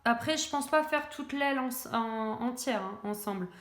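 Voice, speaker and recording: A woman's voice: on the high side, normal speed, fairly bright tone, faint music behind. A young woman chatting casually while she colors, full of hesitations and self-mocking jokes. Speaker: coloring video creator. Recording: echoey room.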